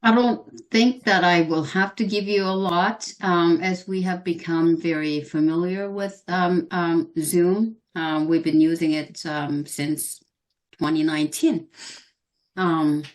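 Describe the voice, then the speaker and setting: Woman, low voice, slow and halting, explaining video call buttons to a group. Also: fairly even intonation. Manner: halting, many ums and restarts. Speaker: workshop facilitator. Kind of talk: giving a Zoom tutorial.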